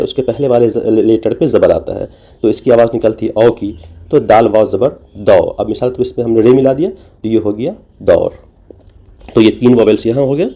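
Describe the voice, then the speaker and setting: Man teaching a lesson, real dark mellow tone, patient, repeats stuff slow. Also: medium pitch. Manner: patient, repeats examples slowly, with fillers. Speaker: language teacher. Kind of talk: explanatory lesson.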